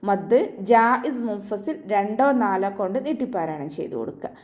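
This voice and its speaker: A woman teaching Quran recitation in an online tajweed lesson, explaining each rule patiently and chanting the verses slowly in a higher, drawn-out voice. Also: lively intonation. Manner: patient step-by-step instruction, softly ending phrases with "ട്ടോ".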